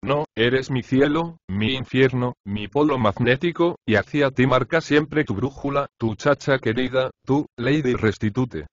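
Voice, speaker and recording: A man narrating an audiobook, reading letters from a novel in an expressive, measured first-person way. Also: mid-range voice, no echo. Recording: slightly dull, lo-fi dry recording.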